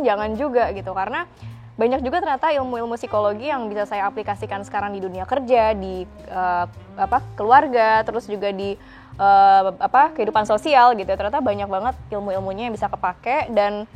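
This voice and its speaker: An automotive presenter and channel co-host talks informally to viewers as if to friends watching, answering questions and making announcements. She has a fairly high voice, with background music playing behind her.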